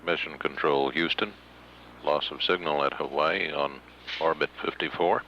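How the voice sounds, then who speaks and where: A man's voice: very deep voice, fairly even intonation, moderate pace. A man giving formal, matter-of-fact live status commentary as a mission control announcer. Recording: dull lo-fi archival broadcast, faint noise.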